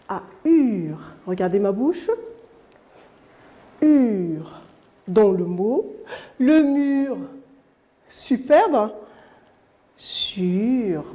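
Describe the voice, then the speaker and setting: A woman teaching a phonics lesson to young children, speaking slowly and clearly and encouraging them often. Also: on the high side, mellow. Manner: encouraging, slow and clearly articulated. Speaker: primary school teacher.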